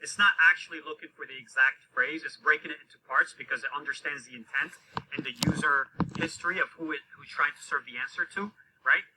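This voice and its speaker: A man appears as a guest instructor on a live online session, explaining his course and its price in a quick, casual way. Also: on the high side, bright, forceful tone, a little hiss or hum, low-quality recording. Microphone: video call microphone.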